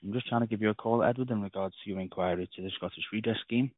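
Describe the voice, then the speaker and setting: A very deep-voiced man rattles off a businesslike voicemail at a fast clip, dotting his lines with "uh" fillers. He is heard over a tinny landline phone, the sound thin and narrowband. The line is dry, with no room around him. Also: no room sound. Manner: brisk, businesslike, with frequent "uh" fillers. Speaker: law firm caller leaving a voicemail. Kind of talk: phone message. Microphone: telephone handset.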